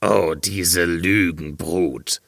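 A man's voice: sits low, fairly even intonation, extremely slow, gravelly, a bit bright, dry recording, clean studio sound, exaggerated voice. A man playing a hot-tempered old tailor in a storybook reading, scolding and indignant. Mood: enraged.

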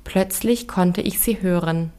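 A woman in her thirties narrating a reflective first-person story in a calm, measured, introspective way. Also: on the low side.

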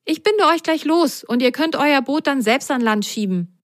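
A woman's voice: high voice, lively intonation, moderate pace, dry recording, clean studio sound, voice pushed up. A woman doing a bubbly whale child. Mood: eager friendly. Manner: eager, chatty, helpful. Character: friendly helpful young whale child on a unicycle.

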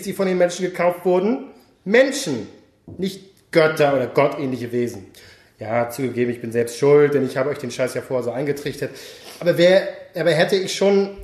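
Man playing a harsh teddy-bear boss, commanding and mocking, slightly high voice, roomy echo. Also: lightly acted. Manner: commanding, mocking speech to workers. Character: cruel male teddy-bear camp overseer.

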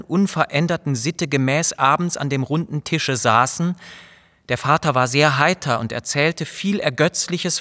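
A male storyteller reads a classic tale aloud in a slow, dramatic, first-person way. His voice sits fairly high for a man. A long reverb surrounds every word, as in a large hall. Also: sharp tone. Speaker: reader. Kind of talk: audiobook reading of a classic tale.

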